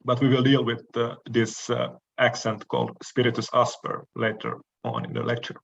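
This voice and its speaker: A man giving a recorded lecture, explaining each letter in a measured way with frequent pauses and the odd throat clearing. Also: medium pitch, level tone, highs cut off.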